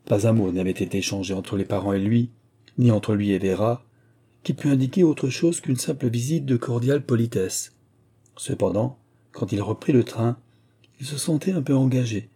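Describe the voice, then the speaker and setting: A man narrating an audiobook in a measured, expressive way. His voice is deep and very dark, with a husky grain throughout. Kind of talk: novel reading.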